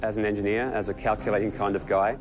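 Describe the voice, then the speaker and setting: A male contestant gives an interview piece in a low, even voice. He talks quickly over clear music. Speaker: game show contestant. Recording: music under the voice.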